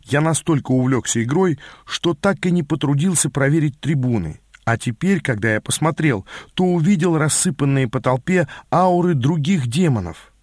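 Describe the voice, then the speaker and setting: A man's voice: on the high side, lively intonation, moderate pace, hardly any pauses, a little mellow, no room sound. A man narrating a fantasy novel in the first person, with a dry, wry telling. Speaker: audiobook narrator.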